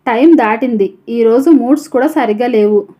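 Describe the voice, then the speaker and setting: A woman voicing a young husband who speaks in a measured, firm, reasoning way. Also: a little high, dark tone, natural voice. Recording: dull lo-fi audio.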